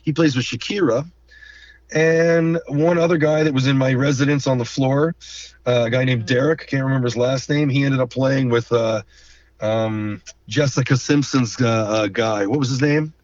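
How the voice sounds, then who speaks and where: A male drummer recounts his career in a relaxed, animated interview voice. He slips into quick impressions of the people he quotes. The sound is muffled and set back from the microphone. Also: mid-range voice, no room sound. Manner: animated storyteller who acts out quoted voices and hums drum rhythms. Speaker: guest drummer. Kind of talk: casual storytelling interview. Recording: distant dull lo-fi mic.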